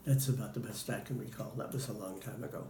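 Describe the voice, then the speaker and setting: A man's voice: lowish voice, steady tone, fast. Man interviewee, hesitant, filler-heavy, roomy recording with faint hiss. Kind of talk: casual interview answers.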